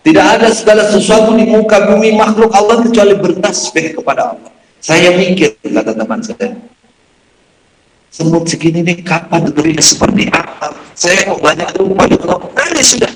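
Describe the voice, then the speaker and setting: A man preaching a sermon in a mosque, telling stories and acting out the voices of the people in them with big swings in pitch. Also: moderate pace, reverberant, background noise.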